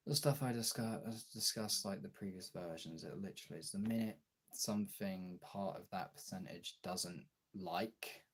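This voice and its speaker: A live streamer and voice actor talks in a husky, creaky, low voice during a casual, confessional livestream chat. He's halting and candid and swears freely. He's recorded on a phone.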